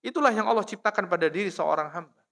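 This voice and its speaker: A man's voice: high-pitched, fast, vocal fry, a bit bright. A man from Indonesia giving a storytelling lecture in a mosque, often checking in with his listeners with "ya" and "Pak". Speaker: preacher.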